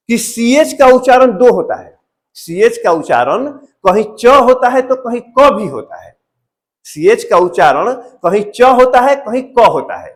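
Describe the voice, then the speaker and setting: Guy with a high voice and teaching grammar, keeps asking "what do we do?" and answering. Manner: repetitive, asks questions and answers them himself. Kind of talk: classroom-style grammar lesson.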